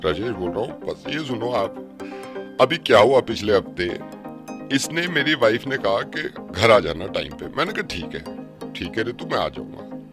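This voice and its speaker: A man making a prank phone call, complaining about his in-laws and then arguing loudly. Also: fairly low pitch, sing-song, moderate pace, music in the background. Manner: complaining, then shouting argumentatively. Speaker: radio prank caller.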